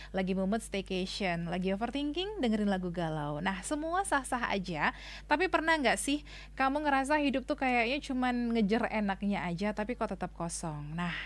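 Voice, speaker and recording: A woman hosting a morning radio talk show, chatting directly to her listeners and introducing a guest. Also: on the high side. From Bali, Indonesia. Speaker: radio host.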